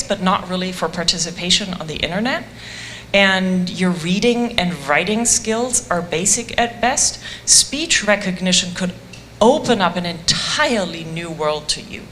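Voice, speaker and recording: Woman, panel speaker, enthusiastic, lowish voice, faint background noise. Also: fairly bright tone. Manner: enthusiastic, self-deprecating. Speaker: panel speaker on open source voice project. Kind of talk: conference panel talk.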